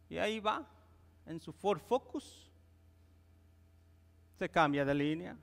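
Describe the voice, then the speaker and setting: A man's voice: a little high, fairly bright tone. A man preaching a sermon in a church, talking conversationally and often checking in with the congregation. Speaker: pastor. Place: church sanctuary. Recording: long church reverb.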